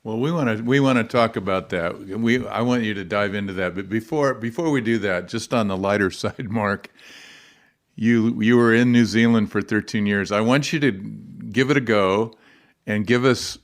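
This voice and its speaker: A man's voice: lowish voice, moderate pace. A man hosting a podcast interview, asking questions in a friendly, inquisitive way. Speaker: podcast host.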